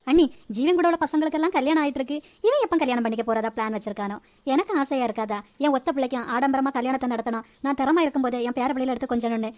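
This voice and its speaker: A woman voicing a haughty, quick-tempered middle-aged aunt in a cartoon, scolding and indignant. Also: sits high, a little mellow, pitched below the performer's own voice, natural voice. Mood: complaining.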